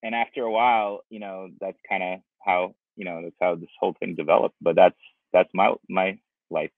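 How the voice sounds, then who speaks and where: The guest, a Russian-born founder of a company and in his forties, answers interview questions at a moderate pace in a low voice with little pitch movement. He's on a video call from an outdoor patio through wireless earbuds, and the dry, thin audio has no echo. He rambles, restarting often and leaning on fillers.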